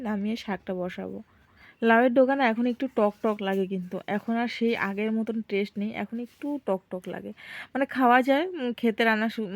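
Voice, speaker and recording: A young woman from Assam chatting to her viewers in a casual home vlog, explaining as she gardens and cooks. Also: mid-range voice. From Assam, India. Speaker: vlogger and homemaker.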